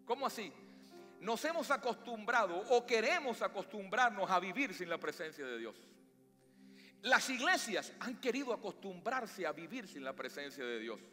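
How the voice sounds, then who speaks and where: A man with a Latin American Spanish accent preaching a sermon as pastor, with emphatic rises and slow, stressed phrases. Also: high-pitched, sing-song, pushed and bright. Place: church sanctuary. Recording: long church reverb with faint music.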